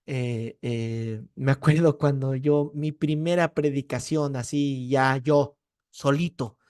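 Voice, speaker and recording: A man with a Mexican Spanish accent teaching a Bible class indoors, telling lively stories and tagging his points with quick questions to the class. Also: mid-range voice, dry recording, studio quality. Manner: lively storyteller, rhetorical "¿no?" tags.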